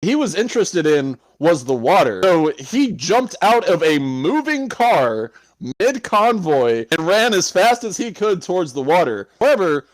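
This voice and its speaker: A man co-hosting a casual podcast, telling a tale slowly in a slightly high voice. He swears freely and laughs as he goes. The sound is close and dry. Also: big pitch swings, no echo, poor audio. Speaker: podcast co-host. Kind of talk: casual storytelling chat.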